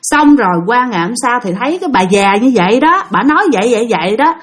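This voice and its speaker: A woman's voice: sing-song, quick pace. A woman voicing a frail, sick old man who talks weakly and tiredly. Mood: weary. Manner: weak, tired, lowered voice.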